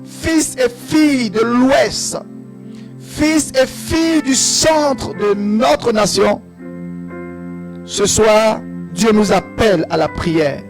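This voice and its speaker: Man, very high voice, slow deliberate delivery, fervent prayer leader, soft music underneath. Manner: fervent, pleading, at times shouted or half-sung. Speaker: pastor leading prayer. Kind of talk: call-and-response prayer.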